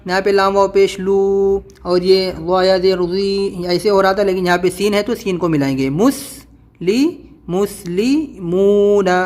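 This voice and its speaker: A man teaching Quran reading, drawing out letter sounds slowly and then explaining quickly. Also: high voice. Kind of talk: spelled-out reading lesson.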